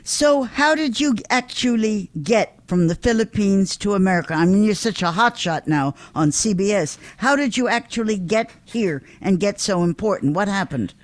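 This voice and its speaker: A man's voice: high voice, expressive, normal speed, hardly any pauses, dry recording. A man hosting an interview, asking questions in a playful, teasing and affectionate way. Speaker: interview host. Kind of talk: casual interview conversation.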